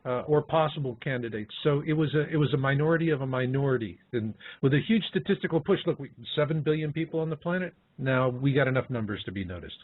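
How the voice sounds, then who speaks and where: Male radio host, husky voice, thin phone-like sound, conversational. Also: mid-range voice, expressive, fast, few pauses, no echo. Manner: conversational, explanatory. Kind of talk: radio talk show.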